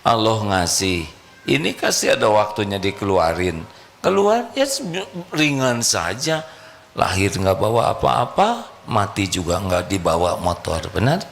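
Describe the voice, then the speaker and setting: A man's voice: on the low side, sing-song, a little slow, gravelly, slight background noise. A male preacher, giving a sermon and playfully quizzing his audience. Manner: playful, questioning the audience directly.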